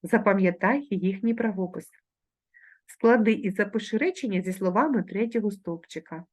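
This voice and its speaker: A woman with a Ukrainian accent, a primary school teacher giving a recorded online lesson, dictating words slowly and clearly. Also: mid-range voice. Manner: slow, carefully articulated dictation of words.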